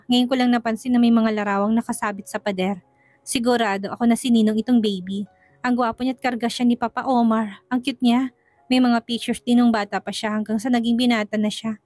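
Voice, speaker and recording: A woman storyteller narrates a first-person romance in an emotional, tearful manner. Her voice sits a little high and close to the mic in a dry space. Faint music plays beneath her. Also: darkish tone, dry recording.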